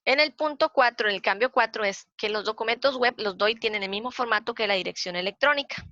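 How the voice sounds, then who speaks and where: A woman's voice: a little high, bright, forceful tone, dry recording. A woman with a Costa Rican accent, a librarian explaining slides in a training session, patient and repeating her points. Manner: patient, repeats points, counts aloud slowly. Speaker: librarian giving a citation workshop. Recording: dull, dry lo-fi sound.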